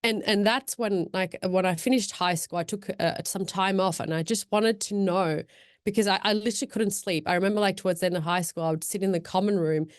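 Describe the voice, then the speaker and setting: A young woman, a podcast guest, chats casually and reflectively in a medium-pitched, slightly fast voice captured in a dry, close recording. Of Afghan background, she was born in Pakistan and raised in Australia. She is thoughtful but rambling, with many fillers and restarts.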